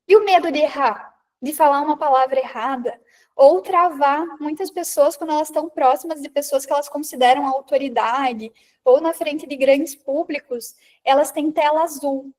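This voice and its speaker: A woman from Paraná, Brazil, speaking interior Paraná Brazilian Portuguese in a high voice, gives a live online talk to a women's group about public presence and confidence. Conversational and chatty, she addresses listeners directly, reads out their comments, and keeps adding a rhetorical "né?".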